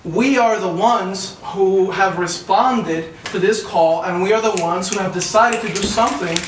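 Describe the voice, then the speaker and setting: A student protester arguing defensively and casually, often saying "you know". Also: male voice, sits high, a little slow. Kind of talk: heated argument. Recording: echoey room, distant, noisy.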